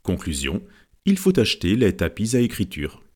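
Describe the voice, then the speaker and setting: Animated male audiobook narrator. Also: fairly low pitch, normal speed, slightly rough. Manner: animated reading. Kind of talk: scripted narration.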